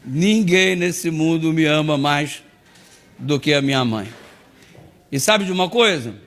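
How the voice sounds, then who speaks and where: A man's voice: fairly high pitch, unhurried, a bit bright. A man with a Brazilian accent, a pastor preaching a sermon with humorous storytelling. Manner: humorous storytelling, acting out dialogue. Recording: long hall reverb.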